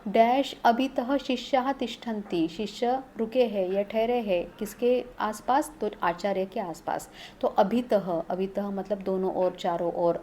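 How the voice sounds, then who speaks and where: A woman's voice: mid-range voice, warm tone, slight background noise. A woman teaching a Sanskrit grammar lesson, explaining step by step and asking and answering her own questions. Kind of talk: exam-prep grammar lesson.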